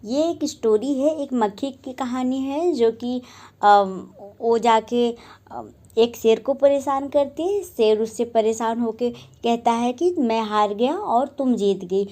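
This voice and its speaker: Woman teacher, children's story lesson, patient explaining, slow pace, slightly high, mellow tone. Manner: patient, re-explains each passage in simple words.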